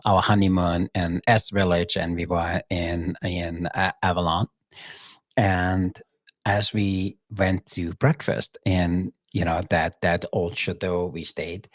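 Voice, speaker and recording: Low-voiced man hosting. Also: no echo, clean studio sound. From Austria. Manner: rambling questions with restarts and repeated words. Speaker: podcast host. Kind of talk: casual interview.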